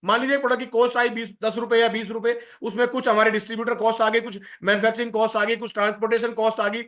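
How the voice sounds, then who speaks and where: A man presenting a business seminar, explaining terms step by step with frequent filler pauses and English phrases mixed in. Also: very high-pitched, little pitch movement, a bit bright.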